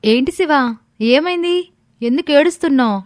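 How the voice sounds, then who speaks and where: A woman voicing an anxious, caring young woman in an animated storybook, speaking in a worried, questioning way. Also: sits high, moderate pace, no room sound, clean studio sound.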